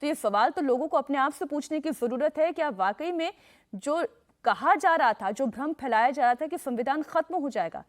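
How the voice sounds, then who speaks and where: High-voiced woman news anchor, pointed. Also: animated, moderate pace. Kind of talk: moderating a TV debate.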